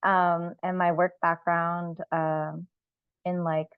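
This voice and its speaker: Woman from Central Florida, friendly and hesitant, slightly low voice, on a tinny, dry video call line. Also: little pitch movement, slow pace, clear, resonant tone, no echo. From Central Florida, USA. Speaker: farm worker. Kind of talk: personal introduction in an online support circle.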